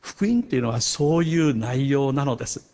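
A man preaching a sermon as a pastor, earnest, swelling louder on key points and dropping softer when telling a personal story. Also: medium pitch, expressive, moderate pace.

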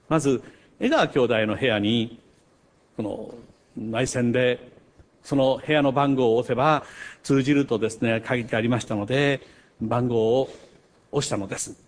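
An older man preaching a sermon. He tells stories, rising to loud emphasis and dropping to hushed asides. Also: medium pitch. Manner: storytelling with wide swings between loud emphasis and hushed asides. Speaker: pastor.

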